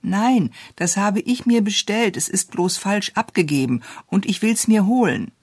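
A reader voicing an excitable, stubborn little girl in a storybook tale, pleading and indignant in turn. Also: mid-range voice, unhurried, dry recording, clean studio sound.

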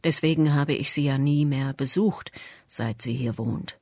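Husky measured storybook narrator. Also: medium pitch, a little mellow, dry recording, clean studio sound. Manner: measured first-person telling. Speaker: audiobook reader.

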